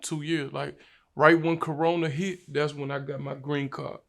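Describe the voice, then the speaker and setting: A young man from Virginia speaks in a flat, even tone, with a gravelly edge to his voice. He tells his story in a laid-back, slangy way during a casual sit-down interview. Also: a little high, moderate pace. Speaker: rapper, interview guest.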